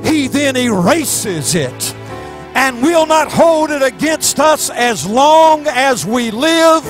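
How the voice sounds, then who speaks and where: A man's voice: very high voice, very animated, slow, soft background music. A pastor in his forties with a Southern US accent, preaching impassioned to his church on a handheld microphone. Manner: impassioned preaching, rising to shouts. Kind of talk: sermon. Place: church sanctuary stage.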